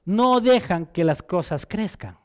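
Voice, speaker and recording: A man preaching a sermon as pastor, asking the congregation questions and voicing quick quotes. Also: sits high, lively intonation, a little mellow.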